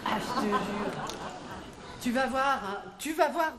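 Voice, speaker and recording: A woman's voice: sits high, animated, unhurried, crowd noise, noisy background. Chatty woman doing stage comedy in an echoey theatre. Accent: French. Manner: gossipy, bossy, talks to unseen customers in turn. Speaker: comedian performing a one-woman stage show. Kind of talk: stage comedy monologue as a chatty café owner. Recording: echoey live theatre recording.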